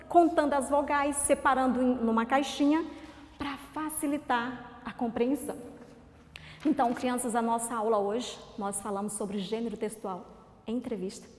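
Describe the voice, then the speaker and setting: A Brazilian woman teaching young children over a recorded class, her voice set a little high and bright. She coaxes and questions in a lively sing-song way. The sound rings with a long reverb from a bare, echoey room. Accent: Brazilian Portuguese. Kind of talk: recorded remote lesson for children.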